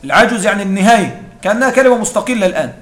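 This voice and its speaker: Very high-voiced man teaching grammar. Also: lively intonation, very fast, a bit bright, faint music behind. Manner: reads a text aloud, then explains it and checks with students. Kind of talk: classroom lecture.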